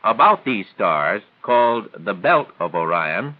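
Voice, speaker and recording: The man's voice sits on the low side and swings widely in pitch as he reads formal, didactic instructions in measured phrases, 1940s training-film style. Audio is phone-quality, a thin and band-limited 1940s film soundtrack.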